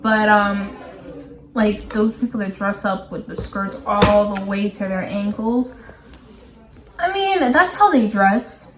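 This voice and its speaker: A woman's voice: medium pitch, unhurried, noisy background. Young woman chatting, roomy and distant. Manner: easygoing, lots of "like" and "um". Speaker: guest. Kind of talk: casual chat. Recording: roomy sound from away from the mic.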